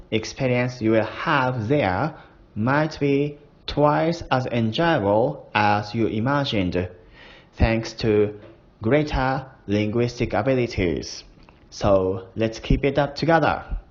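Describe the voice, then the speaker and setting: A man with a Japanese accent, drunk and chuckling, delivers a slow, deliberate voice diary monologue as a language learner. His pitch sits in the middle, his manner is playful and casual, and the lo-fi recording is dull.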